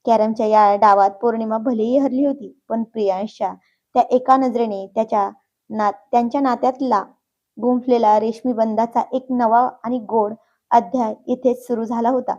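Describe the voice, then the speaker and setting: A woman narrating a storybook tale in a steady, expressive reading. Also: a little high, normal speed. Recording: dull, muffled recording.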